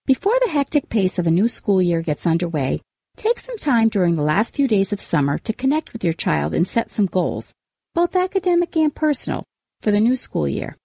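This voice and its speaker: A woman's voice: medium pitch, wildly swooping pitch, moderate pace, gravelly, mellow, husky, no echo. A woman hosting a scripted parenting advice show in an upbeat, tidy, advice-vlogger manner, setting out tips with emphasis. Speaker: podcast host giving parenting tips.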